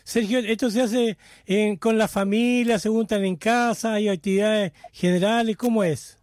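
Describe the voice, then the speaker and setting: A man hosting a live community radio show, greeting listeners over and over and firing off quick questions. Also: high voice, fairly even intonation, a little mellow, no room sound, studio quality. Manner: effusive, repeats greetings, rapid-fire questions.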